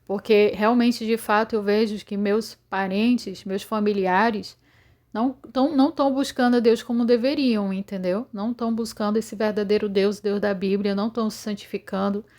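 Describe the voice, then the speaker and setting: A woman's voice: medium pitch, fairly even intonation, moderate pace, a little mellow. Earnest woman recounting dreams. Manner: earnest, rambling with many fillers. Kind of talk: casual testimony.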